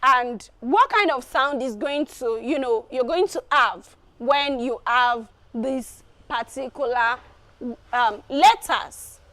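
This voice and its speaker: Woman, teacher, high voice, slow delivery, repetitive step-by-step explaining. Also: fairly bright tone. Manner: repeats phrases, explains step by step with many fillers. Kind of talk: exam preparation lesson.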